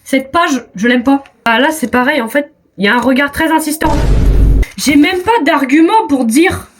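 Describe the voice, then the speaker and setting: A woman's voice: high-pitched, normal speed. A teenage girl with a French accent chatting casually in a vlog, self-mocking, with hesitant restarts and trailing off. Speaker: vlogger. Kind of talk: casual chat.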